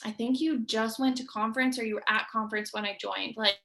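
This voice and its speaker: A woman's voice: on the high side, fairly even intonation, fairly quick, gravelly, fairly bright tone. A young woman giving an earnest, emphatic motivational talk to her sales team. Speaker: team leader.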